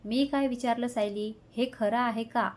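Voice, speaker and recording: A woman reading the part of a passionate, quick-tempered young man in a spoken love story, with intense, heated delivery. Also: a little high, steady tone, darkish tone, lightly acted. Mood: angry.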